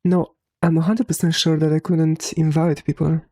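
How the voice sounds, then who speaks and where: A young woman streaming a game, chatting casually with her viewers, her voice a little hoarse from talking, swearing freely. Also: low voice, little pitch movement, moderate pace, warm tone, no room sound. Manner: laid-back, swears freely, answers chat. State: slightly hoarse. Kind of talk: casual live-stream chat.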